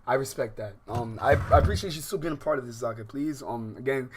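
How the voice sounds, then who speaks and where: Reading a visual novel aloud on his casual gaming stream, an American man speaks in a mid-range voice. His commentary is informal and slangy, full of rambling, halting starts, and self-interruptions. There's a little hiss or hum on the recording.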